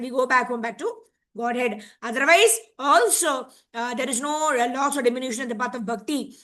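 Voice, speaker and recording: A woman's voice: high voice, sharp tone. A woman with a cold, teaching a scripture class, chanting verses and checking in with "right?". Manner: explains with frequent "right?" checks. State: has a cold.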